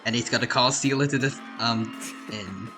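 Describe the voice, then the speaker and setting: A man doing casual live game commentary as a streamer, chatty and animated. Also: mid-range voice, moderate pace, music in the background.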